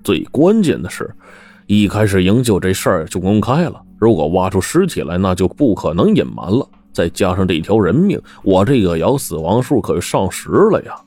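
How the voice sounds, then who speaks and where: A man's voice: low-pitched, big pitch swings, normal speed, a little mellow, exaggerated voice. A man voicing a scheming, ruthless middle-aged male mine boss in a told story, with an oily, smug, wheedling manner. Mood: sly.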